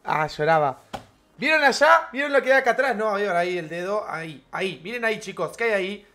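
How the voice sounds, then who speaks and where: High-voiced Argentine streamer guy. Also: fairly quick. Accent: Argentine Spanish. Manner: energetic, slangy, chatty with viewers. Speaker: game streamer. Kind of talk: live game stream chat.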